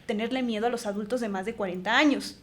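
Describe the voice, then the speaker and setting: A woman in her twenties with a Mexican accent, co-hosting a podcast in animated, reflective casual chat. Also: on the high side, fast talker. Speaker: podcast co-host.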